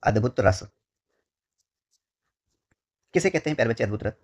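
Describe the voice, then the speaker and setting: A man teaches an animated exam-prep lesson, his mid-pitched voice husky and a little breathy. Key terms get repeated at a slow pace, "ठीक है" comes up again and again, and he refers to his students as his dear children.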